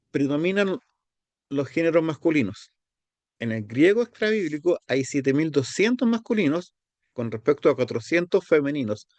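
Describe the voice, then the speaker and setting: A male teacher talks through a Greek grammar lesson. He goes step by step and repeats each word form slowly. The sound is dry and close, with no room echo. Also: on the high side, darkish tone. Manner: explains step by step, repeats words slowly, pauses to find his page.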